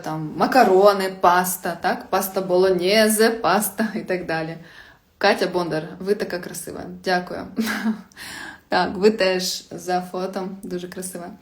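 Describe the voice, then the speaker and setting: A woman teaching a casual live-stream language lesson, chatty and laughing often as she reads out viewer comments. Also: lowish voice. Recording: roomy echoey room.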